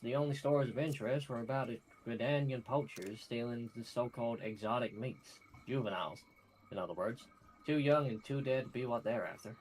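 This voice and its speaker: A man reading a gruff, folksy adventurer informant's game dialogue aloud in a drawling manner. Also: mid-range voice, slight background noise, natural voice, rough recording.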